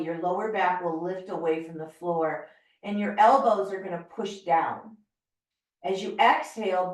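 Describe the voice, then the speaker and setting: A middle-aged American woman leading a yoga class, calmly and gently cueing breath and movement. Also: fairly low pitch. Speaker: yoga teacher. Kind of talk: guided yoga class instruction. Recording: very echoey room, voice from far off.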